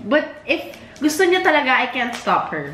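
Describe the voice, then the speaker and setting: A woman's voice: sits high, very animated, normal speed, a bit bright. A young woman with a Filipino accent hosting a casual home vlog, chatting and mixing English with Tagalog. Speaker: vlogger host. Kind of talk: casual chat. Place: indoors at home. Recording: echoey room with faint noise.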